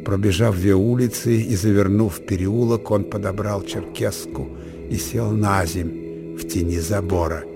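A man's voice: on the low side, steady tone. Man narrating an audiobook over faint music. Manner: measured, storytelling. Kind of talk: audiobook reading of classic prose.

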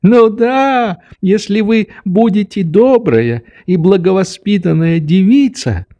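A man's voice: high-pitched, expressive, slow pace, warm tone, dull audio, pitched above the performer's own voice, full character voice. A man reads as a capricious, teasing young girl in a storybook reading, her voice raised well above his usual range. She wheedles and provokes playfully, a small weak voice full of mischief. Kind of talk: audiobook character reading.

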